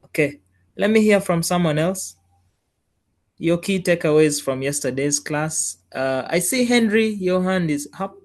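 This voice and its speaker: A man's voice: sits high, expressive, measured pace, darkish tone. A man hosting an online engineering class on a video call, welcoming participants and politely thanking each one.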